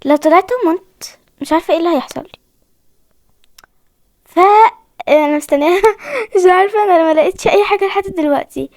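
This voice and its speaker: A young woman with an Egyptian Arabic accent hosts a gaming video, chatting casually with viewers while playing a horror game and often saying how frightened she is. Her voice is very high and darkish in tone, quick-paced with frequent pauses, recorded dry with studio quality.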